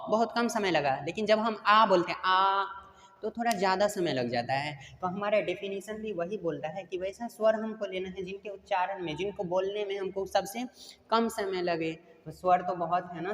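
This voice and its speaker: Man teaching grammar in an echoey hall. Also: sits high. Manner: repetitive, drills points with tag questions. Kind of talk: online grammar lesson. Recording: long hall reverb, faint noise.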